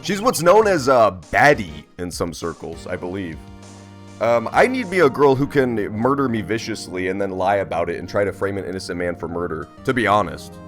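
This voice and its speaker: A man with a lively, swinging delivery hosts a casual game stream. He rambles playfully and swears freely, with faint music underneath. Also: lowish voice, normal speed. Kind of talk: casual live-stream chat with gameplay commentary.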